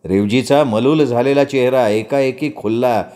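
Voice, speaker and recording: A man narrating a story in a measured, expressive reading style. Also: mid-range voice.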